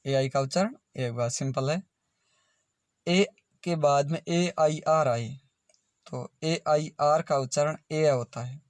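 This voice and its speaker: Slow, spelling-out male English tutor. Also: a little high, no echo, studio quality. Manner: spells words letter by letter, then says them slowly. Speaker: English pronunciation teacher. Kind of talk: slow spelling-and-pronunciation lesson.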